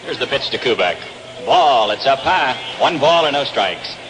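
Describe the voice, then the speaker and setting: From an open-air ballpark broadcast position on an old 1960s radio show, an American man calls baseball play-by-play live. His mid-range voice is animated and moderately paced, set against a noisy background.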